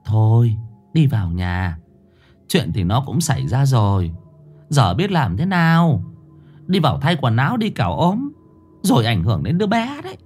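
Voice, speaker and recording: A man's voice: mid-range voice, sing-song, normal speed, darkish tone, slightly rough. A man voicing a worried middle-aged village mother who fusses and pleads urgently, with faint music behind. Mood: anxious scolding.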